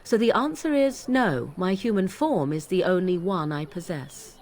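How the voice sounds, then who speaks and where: A haughty witch with lively, low speech. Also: normal speed. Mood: lofty. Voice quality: haughty, formal archaic speech. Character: aloof, sardonic young woman witch and shapechanger. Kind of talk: video game dialogue.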